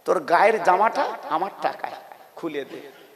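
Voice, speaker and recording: A preacher acting out a cruel, greedy uncle who makes cold, low demands. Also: male voice, expressive, normal speed, crowd noise. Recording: echoey hall.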